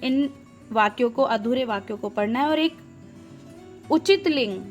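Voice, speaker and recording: A woman's voice: on the high side, moderate pace. Patient woman teacher, faint music behind. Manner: patient, explains step by step and repeats key words; asks the class questions and answers them herself. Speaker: school teacher. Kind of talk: recorded grammar lesson for young pupils.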